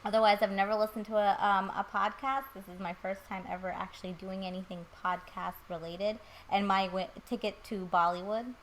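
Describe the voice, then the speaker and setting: A woman's voice: mid-range voice, steady tone, a little fast, hardly any pauses, fairly bright tone, slight background noise, poor audio. A woman in her late twenties chatting casually on a podcast, laughing and joking about herself. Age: late 20s. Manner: laughing, self-deprecating. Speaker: podcast co-host. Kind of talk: casual chat.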